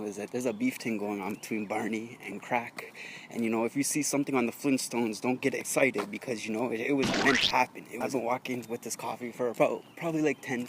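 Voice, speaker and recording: A man's voice: mid-range voice, slight background noise. A young man rambling profanely and jokingly in a comedy vlog, walking outdoors on a street and talking into a handheld phone. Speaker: vlogger.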